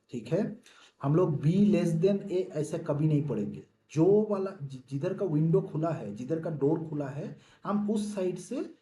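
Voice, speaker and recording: A man's voice: on the high side, warm tone, reverberant. A man teaching a reasoning lesson for bank exams, repeating key points and often checking that the viewer follows. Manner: repetitive, emphatic, checks understanding with "theek hai". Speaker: exam coaching teacher. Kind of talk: classroom-style lecture.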